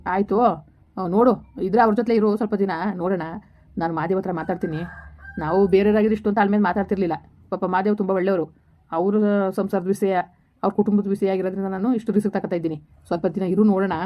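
A woman playing a police officer who quickly calms and advises a distressed woman in a village family drama. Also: mid-range voice, lightly acted. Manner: reassuring, fatherly, rapid. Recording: dull lo-fi recording.

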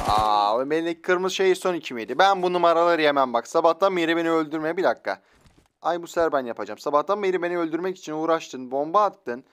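A man's voice: fairly high pitch, fairly bright tone, clear, resonant tone. A young man giving playful, slangy commentary while playing a shooter game, teasing his opponents. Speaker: gaming YouTuber.

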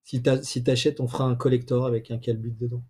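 An easygoing male guest speaks with a mellow, slightly husky voice. He talks hesitantly, with frequent restarts, in a relaxed livestream chat. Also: mid-range voice, quick pace. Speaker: game publisher guest.

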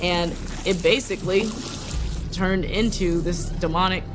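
A woman's voice: on the low side, fairly even intonation, measured pace. A young adult woman telling stories conversationally in a studio documentary interview. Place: indoor studio. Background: music.

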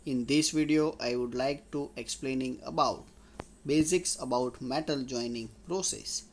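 A man with a mid-range voice, speaking a little slowly, records a voice-over for a slide lecture as an engineering tutor. He walks through the material step by step and restates his points.

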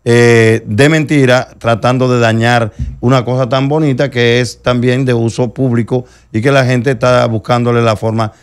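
A Dominican man hosting a talk show, running through news items in a conversational way with frequent pauses. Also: mid-range voice, steady tone, clear, resonant tone. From Dominican Republic. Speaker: show host.

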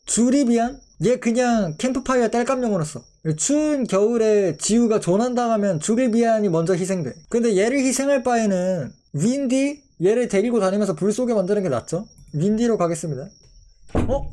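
Young male streamer, bright high voice, jumpy delivery, teasing and incredulous with chat. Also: background noise. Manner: playful, mock-outraged, talks to chat. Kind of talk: casual commentary to viewers.

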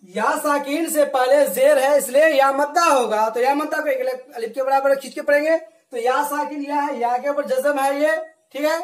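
A male religious studies teacher giving a recorded lesson, slowly drilling rules with repeated questions and answers. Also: very high-pitched, fairly even intonation, reverberant, low-quality recording. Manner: slow, repetitive drilling with call-and-response questions.

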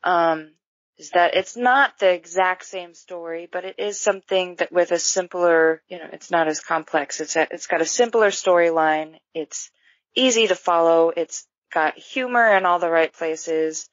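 A woman guest co-host on a podcast, speaking in casual chat at a slow, relaxed pace. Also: fairly low pitch, no room sound. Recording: dry, dull lo-fi audio.

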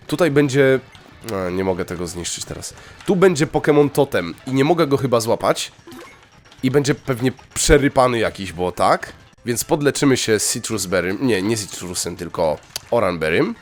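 A young man giving casual gameplay commentary, chatty and excitable, breaking into sudden high yelps when thrilled. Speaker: let's play gamer.

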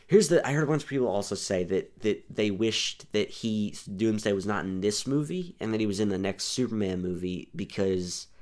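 A young man talks through a casual podcast chat, circling back with "here's the thing" and restarting sentences. His voice sits a little low. It keeps an easy, conversational flow. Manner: rambling, restarts often, says "here's the thing". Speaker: podcast host.

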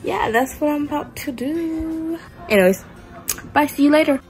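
A woman's voice: high voice, moderate pace, darkish tone, faint music behind. A young woman vlogging casually at home on her phone, chatty, laid-back and slangy. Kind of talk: casual vlog. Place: home, indoors.

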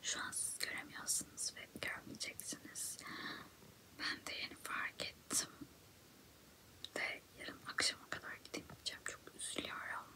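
A young woman in a whispered role-play, quiet as if at night, playing a self-absorbed, annoying, overconfident girl who admires herself and complains theatrically. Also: moderate pace, lightly acted. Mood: theatrically aggrieved. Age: young adult. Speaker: ASMR creator. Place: small indoor room.

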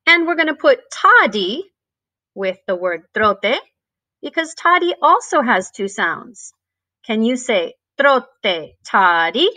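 A woman teaching a bilingual music lesson to young children, switching between English and Spanish and speaking slowly and clearly. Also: fairly high pitch, sing-song, sharp tone, no echo. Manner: sings and chants rhythm words.

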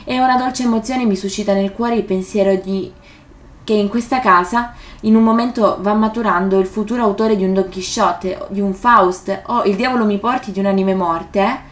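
A woman's voice: medium pitch, steady tone, normal speed, close to an everyday voice. A woman reading as a flowery, mock-gallant rogue. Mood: mock-courtly. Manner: flowery courtly speech. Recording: roomy echo.

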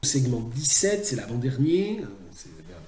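A man's voice: medium pitch, big pitch swings, moderate pace, a little mellow. Chatty man lecturing in an echoey room. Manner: chatty, self-mocking digressions. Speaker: translation teacher. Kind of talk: recorded lecture. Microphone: video lecture.

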